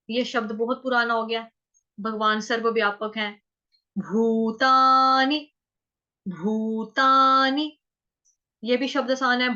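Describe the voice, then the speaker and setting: High bright woman teaching verse chanting. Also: highs cut off. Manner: breaks words into syllables and repeats them slowly; slow, drawn-out chanting of verses. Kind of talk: Sanskrit recitation lesson.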